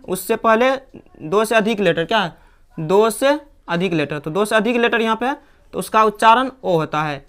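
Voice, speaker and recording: A woman's voice: medium pitch, clean tone. A woman with a Hindi accent teaching English pronunciation, asking questions and answering them herself over and over. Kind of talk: classroom lesson.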